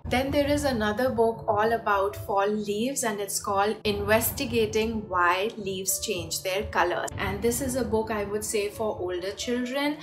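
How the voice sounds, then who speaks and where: Woman doing a book recommendation video, explaining things to parents, mid-pitched voice, music playing behind. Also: a little slow, hardly any pauses. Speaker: presenter reviewing children's books. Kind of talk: informal book recommendation monologue to camera. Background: background music.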